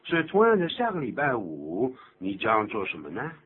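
A man's voice: lowish voice, huge pitch swings, a little fast, slightly rough. A man hosting a radio English lesson, explaining patiently and joking as he exaggerates pronunciation. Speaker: English teacher and program host. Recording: tinny phone-like radio recording with faint hum.

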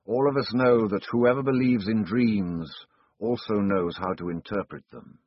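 A man voicing a cold, solemn old male desert chieftain who speaks slowly and gravely, with a dull, dry recording. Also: lowish voice, no room sound, voice pushed up. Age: older. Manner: slow, grave, deliberate. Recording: dull, dry studio sound.

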